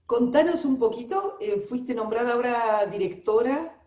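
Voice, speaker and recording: A woman's voice: fairly high pitch, lively intonation, moderate pace, a little mellow, roomy sound. A woman with a Rioplatense Spanish accent hosting a radio interview, chatting with frequent fillers. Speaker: radio host.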